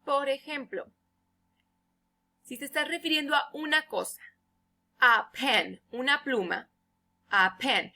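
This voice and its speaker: Slow, bright-voiced woman teacher. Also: high voice, creaky. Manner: explains patiently in Spanish, reads English examples slowly and loudly. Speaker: English teacher. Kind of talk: recorded feedback lesson.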